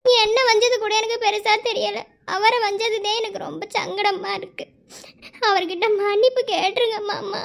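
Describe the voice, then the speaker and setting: A woman's voice: very high voice, fairly even intonation, gravelly. A woman voicing a sulky, tearful young village wife with a Madurai Tamil accent, pouty and teasing in a cartoon. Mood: pleading. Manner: pouty, teasing, quick to tears.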